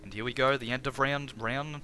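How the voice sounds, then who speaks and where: Bright-voiced Australian game caster. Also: male voice, medium pitch, a little fast, a little hiss or hum. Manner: energetic, chatty, restarts phrases, laughs at own jokes. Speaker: tournament caster and streamer. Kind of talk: live game commentary.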